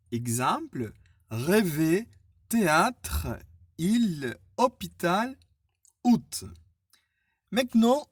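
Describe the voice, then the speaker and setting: Woman teacher for a beginner class, very slow and deliberate, lively pitch, dry close sound. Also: no room sound. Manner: spells words out letter by letter, patient and deliberate. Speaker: French teacher. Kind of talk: slow, clear beginner language lesson.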